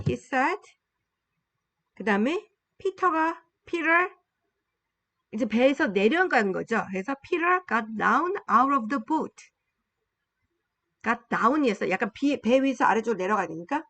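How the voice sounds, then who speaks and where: A woman leads a Bible English lesson in a bright, clear, slightly high voice. She explains in Korean, then reads English lines at a careful, unhurried pace and repeats phrases so learners can follow. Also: no room sound. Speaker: English teacher.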